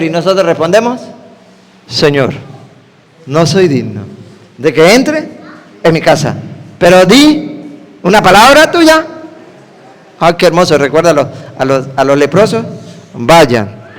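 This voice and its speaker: Male preacher, high voice with big pitch swings, questioning the crowd, reverberant hall. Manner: animated, quizzes listeners with quick questions.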